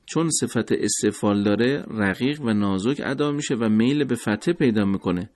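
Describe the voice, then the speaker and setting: Male teacher, mid pitch, patient lesson delivery with slowed word demonstrations. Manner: slow, deliberate, repeats words to demonstrate sounds. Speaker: recitation teacher. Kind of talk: pronunciation lesson.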